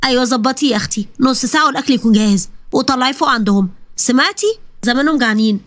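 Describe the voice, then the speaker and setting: A woman's voice: high voice, expressive, very fast, a bit bright. A woman voicing a bossy, scolding Egyptian mother who orders her daughter around. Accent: Egyptian Arabic.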